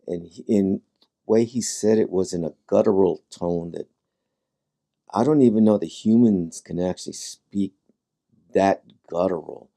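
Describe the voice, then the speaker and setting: A man, a former highway patrol sergeant, tells a personal story as a podcast guest, in a dramatic, measured way that voices his own past thoughts. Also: vocal fry, warm tone.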